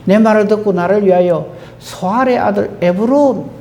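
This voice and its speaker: A preacher acting out a humble, polite old patriarch making a slow, courteous request. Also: male voice, high voice, mellow, slight background noise.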